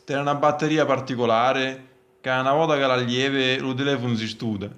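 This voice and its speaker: A man with a southern Italian Pugliese accent giving crude, mocking, casual comic commentary in dialect, repeating drawn-out catchphrases. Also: medium pitch, steady tone, a bit bright. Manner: mocking, crude, swearing freely. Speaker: commentator of dubbed TV episodes.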